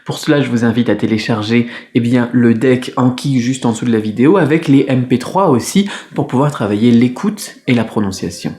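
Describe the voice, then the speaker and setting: A man teaching a beginners' Mandarin lesson in French, patient and clear, repeating each sound slowly. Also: medium pitch, darkish tone. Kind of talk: video lesson.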